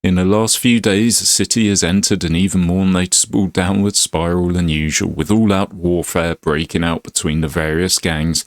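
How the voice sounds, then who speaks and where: A man's voice: low-pitched, steady tone, normal speed, hardly any pauses, no room sound, clean studio sound. A man giving playful, laughing commentary over his own gameplay as a gaming YouTuber.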